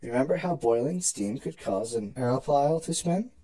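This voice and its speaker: A performer voicing a proud, teasing elder pony princess and protective sister in an expressive fan fiction dramatic reading. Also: mid-range voice, moderate pace, breathy edge. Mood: proud explaining. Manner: expressive, indulgent explaining.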